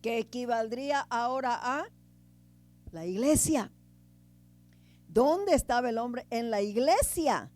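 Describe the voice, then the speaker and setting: Higher-voiced woman preaching. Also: expressive, slow pace, pauses often. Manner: conversational, keeps asking the congregation "right?"; swings between loud emphasis and quiet asides. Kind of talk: sermon.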